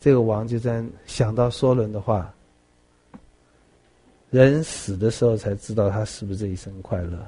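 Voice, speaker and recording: A man preaching a sermon, telling stories with animated swings between soft and loud. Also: fairly low pitch, normal speed, long pauses. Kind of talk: sermon with storytelling.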